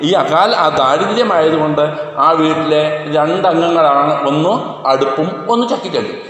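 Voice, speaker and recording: A man's voice: on the high side, fairly bright tone. Man teaching in an echoey room. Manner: explains with repeated questions to students, recites verse lines slowly. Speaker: Hindi teacher. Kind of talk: classroom lesson explaining a poem. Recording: echoey room with long reverb.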